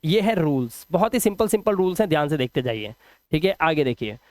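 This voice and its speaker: High-voiced man teaching phonics. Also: animated, dry recording. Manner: patient, repeats example words slowly, quizzes the viewer. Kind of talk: explaining phonics rules in a video lesson.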